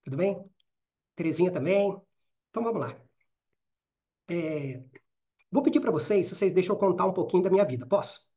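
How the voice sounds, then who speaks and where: Middle-aged Minas Gerais man as trainer in a live online session: rapid, informal, checking in with the audience, muffled lo-fi sound. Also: high voice, animated, warm tone. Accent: Minas Gerais Portuguese. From Brazil. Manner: talks fast, with frequent "né?" and "certo?" tags. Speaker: career and networking trainer. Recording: slightly dull lo-fi audio.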